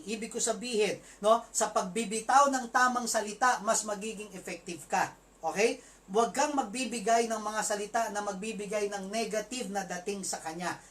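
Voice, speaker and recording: A woman with a Filipino accent giving an emphatic motivational training talk to networkers, often checking in with quick tag questions. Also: fairly high pitch, low-quality recording. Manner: emphatic, keeps asking "okay?" and "no?".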